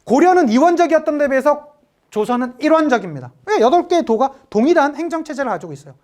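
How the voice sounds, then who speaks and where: A woman giving an exam-prep history lecture, firing off rhetorical questions and briefly acting out quotes. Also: sits high.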